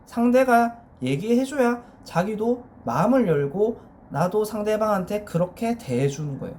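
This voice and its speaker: A man's voice: high voice, lively intonation, normal speed, a little mellow. A man giving a casual explanatory monologue to his viewers, emphatic and direct, often affirming his points. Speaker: personality-type explainer.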